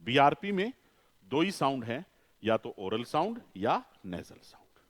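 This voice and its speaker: Male teacher, lively, high-leaning lecturing voice, repeats and quizzes, booming reverb. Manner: repeats key terms, asks questions and answers them himself; slows down for emphasis. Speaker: phonetics teacher. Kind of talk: classroom lecture. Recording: long reverb, echoey room.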